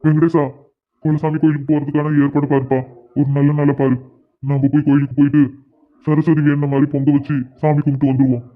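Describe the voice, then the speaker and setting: A man's voice: fairly high pitch, flat delivery, quick pace, narrow, tinny audio, lightly acted. A man voicing a caring elderly grandfather in a cartoon, soothing and questioning.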